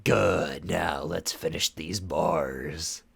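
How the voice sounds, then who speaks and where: A man's voice: extremely low pitch, extremely slow, vocal fry, breathy edge, voice pushed down, heavily acted. A man reading fan fiction aloud, voicing a cold, scheming female sorceress commander who talks in a sickly sweet, menacing way.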